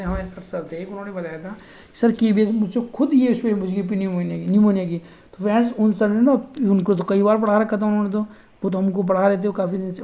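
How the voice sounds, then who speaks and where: A man teaching spelling in a casual online lesson. He chats with viewers, calls them friends, and spells words out slowly letter by letter. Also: high voice, highs cut off. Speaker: online tutor.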